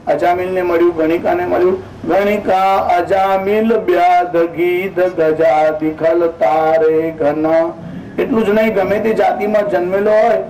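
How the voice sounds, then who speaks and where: A woman giving a devotional storytelling discourse as a spiritual speaker. She voices the characters' lines and chants verses slowly. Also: lowish voice, gravelly, warm tone. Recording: echoey room, distant mic, faint hiss.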